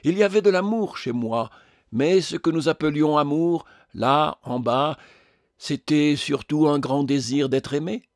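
A radiant heavenly lady, as a male narrator reads her, gentle and calmly insistent in a slightly raised voice. The recording is close and dry. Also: on the high side, measured pace, no room sound, voice pushed up. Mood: serene. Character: radiant, serene heavenly lady, joyful and firm.

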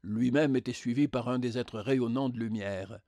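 A man narrating an audiobook in a measured, literary reading. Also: medium pitch, mellow, dry recording.

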